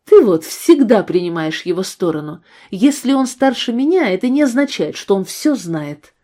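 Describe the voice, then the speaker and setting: A woman's voice: mid-range voice, big pitch swings, moderate pace, warm tone. A woman reading the part of a resentful, hot-tempered young man who argues heatedly in a storybook reading. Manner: heated, argumentative.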